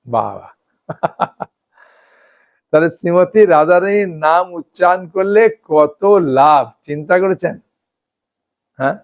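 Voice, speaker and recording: A man giving a devotional scripture talk, explaining slowly and often checking in with his listeners. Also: a little high, muffled recording. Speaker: devotional speaker.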